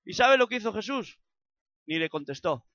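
A man's voice: high voice, animated, moderate pace, fairly bright tone, no echo, muffled recording. A man from preaching a sermon, acting out the scripture with vivid sound effects.

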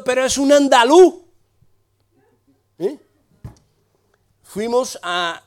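A middle-aged man, a pastor, telling a humorous story in a sermon and acting out the dialogue in a lively way. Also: high voice.

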